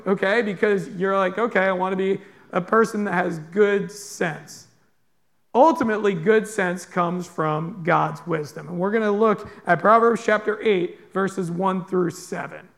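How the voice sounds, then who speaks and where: High-voiced earnest male pastor preaching. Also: a bit bright. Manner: earnest, direct, asks the congregation questions. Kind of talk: sermon. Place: church in front of a congregation.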